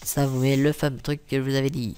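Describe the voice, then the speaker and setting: A young man talking through a casual software tutorial, rambling with many fillers and self-corrections, muttering asides and apologizing for swearing. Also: medium pitch, level tone, fast talker, smooth, faint music behind. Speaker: tutorial maker. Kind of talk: casual screen-recording tutorial.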